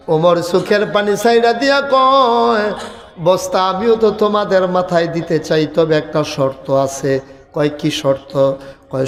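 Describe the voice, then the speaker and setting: Male Bangladeshi preacher, dramatic storyteller, slightly high voice, large echoing hall. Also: a little mellow. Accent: Bangladeshi Bengali. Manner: dramatic storytelling, breaks into high sung chanting. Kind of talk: Islamic sermon storytelling. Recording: echoey hall with long reverb.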